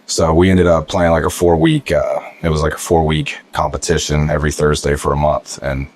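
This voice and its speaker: A man, a musician guest, telling his story in a relaxed casual interview with frequent fillers. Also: rumbling low, fairly quick.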